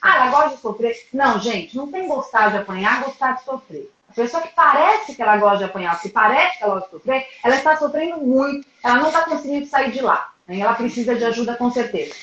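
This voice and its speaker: A woman's voice: fairly high pitch, animated, quick pace, few pauses, fairly bright tone, a little hiss or hum. A woman explaining as a psychologist guest in an interview, earnest and repeating phrases for emphasis. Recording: roomy, dull sound.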